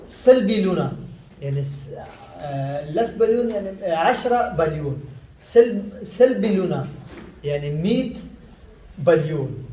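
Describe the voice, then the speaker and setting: Man teaching numbers slowly, echoey room. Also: fairly high pitch, dark tone, slight background noise. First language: Pashto. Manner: repeats words slowly with many drawn-out "ah" pauses. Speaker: language teacher. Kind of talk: slow language lesson.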